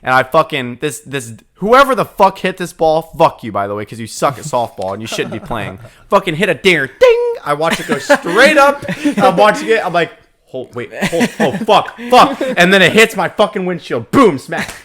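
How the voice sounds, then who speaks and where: A man's voice: on the high side, normal speed, few pauses, crowd noise. A young man in his twenties on a podcast, casually telling a story with lots of swearing and laughter. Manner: profane, laughing, animated retelling. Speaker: podcast co-host.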